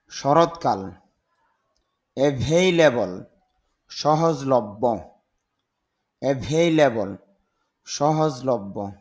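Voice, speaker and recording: A Bengali-speaking man teaching English vocabulary, reading each word and its meaning and pointing out how to stress and stretch sounds. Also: medium pitch. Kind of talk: slow word-by-word vocabulary lesson.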